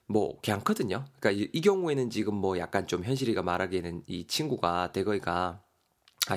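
Lively Korean man teaching vocabulary. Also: lowish voice. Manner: animated, acts out example dialogues. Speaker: English teacher. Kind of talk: podcast vocabulary lesson.

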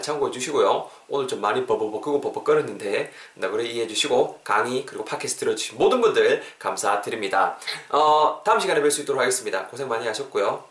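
Chatty man teaching English, roomy sound. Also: medium pitch. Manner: lively, chatty, repeats phrases slowly for practice. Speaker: English teacher and podcast host. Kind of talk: podcast English lesson. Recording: roomy echo.

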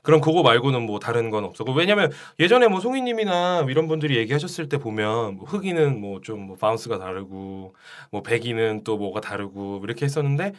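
A man hosts a casual talk podcast. He questions his guests closely and needles them playfully. His pitch ranges widely through each question. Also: animated, fairly quick, hardly any pauses. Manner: probing, teasing interviewer. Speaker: podcast host. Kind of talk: casual chat.

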